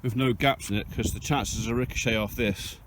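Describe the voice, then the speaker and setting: Filming himself on a handheld phone out on his farmland, a farmer and video host thinks aloud while explaining what he's doing, speaking casually and plainly. His voice is brisk with fairly even intonation, and engine and vehicle rumble make the outdoor recording noisy.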